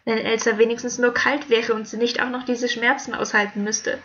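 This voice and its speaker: A woman voicing an anxious, tearful young princess who talks haltingly. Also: fairly high pitch, flat delivery, fairly bright tone, highs cut off, lightly acted. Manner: anxious, faltering.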